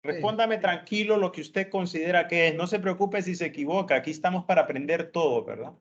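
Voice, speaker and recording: A man teaching an online class, patiently coaxing a student and repeating his questions slowly. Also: high-pitched. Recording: roomy, dull lo-fi call audio.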